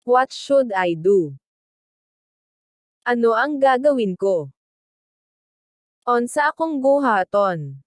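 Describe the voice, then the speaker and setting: A woman language teacher, reading short phrases slowly and deliberately in a translation drill. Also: fairly high pitch, very animated, no echo, studio quality. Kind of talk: slow read-aloud translation drill.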